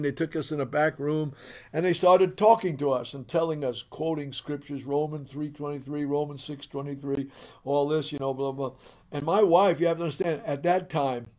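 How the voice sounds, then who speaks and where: A middle-aged man, a bishop, telling his testimony in an animated, boisterous storytelling manner. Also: fairly high pitch.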